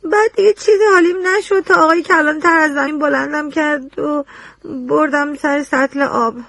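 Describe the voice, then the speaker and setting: A frightened young woman on the witness stand in a radio drama, her high voice creaky and halting as she fights back tears. The sound is close and dry. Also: fairly even intonation, fairly bright tone, dry recording. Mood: tearful. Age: young adult. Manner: halting, tearful, sullen.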